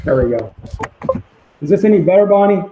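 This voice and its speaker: A site presenter on a public conference call, this man has a high-pitched, expressive, warm voice and talks a little fast. He gives a plain, matter-of-fact technical briefing read from a permit, his echoey audio muffled as if through a pipe from a computer mic.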